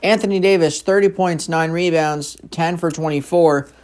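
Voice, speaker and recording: A man's voice: a little high, fairly even intonation, moderate pace, a little mellow. A young man casually recapping basketball games as a host, rambling with lots of fillers and self-corrections. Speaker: sports show host.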